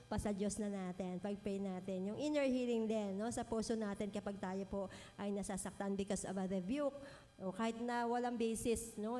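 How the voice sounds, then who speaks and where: A middle-aged woman preaching a sermon in a gentle manner, often adding "no po?" as she speaks. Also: medium pitch. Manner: gentle, frequent "no po" tag questions, mixes English phrases. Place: church hall. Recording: long hall reverb.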